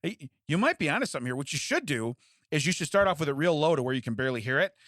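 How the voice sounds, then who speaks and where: A man's voice: a little high, big pitch swings, very fast, fairly bright tone, dry recording, clean studio sound. A man co-hosting a podcast in casual banter, joking and laughing often, with stammering restarts. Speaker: podcast co-host.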